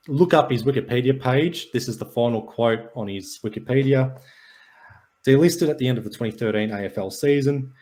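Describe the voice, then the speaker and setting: On a laid-back sports and wrestling podcast, a male co-host with a mid-range, somewhat mellow voice goes over stats and match notes, his delivery dry and full of jokes.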